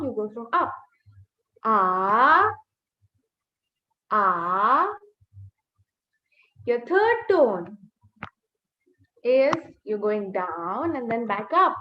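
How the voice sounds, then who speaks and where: A woman with a high voice teaches beginners over a webinar, explaining step by step and stretching out sample sounds. The sound is dull, and her voice echoes around the room. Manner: explains step by step, stretching and singing out demonstration syllables. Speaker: language teacher. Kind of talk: online class lesson. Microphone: computer mic on a video call.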